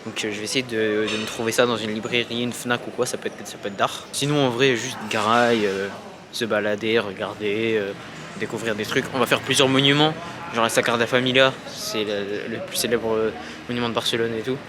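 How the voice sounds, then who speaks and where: A man's voice: lowish voice, steady tone, a little fast, a crowd in the background. A young man chatting casually and informally in slang as a travel vlogger. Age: young adult. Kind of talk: casual travel vlog chat. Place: mostly outdoors at a seaside city, later inside an apartment.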